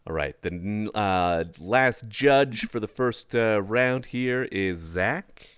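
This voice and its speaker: A man's voice: lowish voice, takes it slowly, a bit bright, clean tone, no echo, clean studio sound. A man hosting an online party trivia game, reading prompts aloud in a laid-back drawl and laughing often. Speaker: game show host. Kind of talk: casual online game chat.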